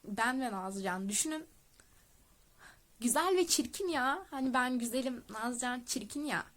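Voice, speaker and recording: Smug mocking teenage girl, put on by a woman, teasing, lightly raised pitch. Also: lively intonation, normal speed, fairly bright tone.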